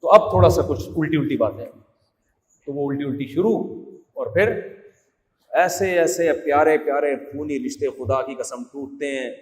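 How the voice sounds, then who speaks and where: Male preacher, fairly high voice, humorous and scolding, echoey hall. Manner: humorous, scolding, acts out family quarrels. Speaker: religious scholar. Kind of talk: sermon.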